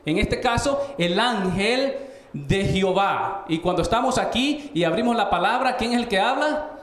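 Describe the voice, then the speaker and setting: A man teaches the Bible in a sermon style, often asking his listeners rhetorical questions and restarting his phrases. His voice sits high for a man. The sound carries the echo of a roomy church. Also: lively intonation, moderate pace, a bit bright. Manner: explanatory, asks rhetorical questions, frequent restarts.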